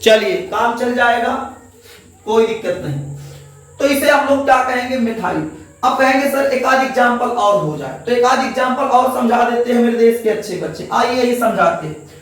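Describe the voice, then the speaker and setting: High-pitched male teacher in echoey room. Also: lively intonation, moderate pace, fairly bright tone, far from the mic. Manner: coaxing, repeats each answer as a question to the class. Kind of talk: classroom chemistry lecture.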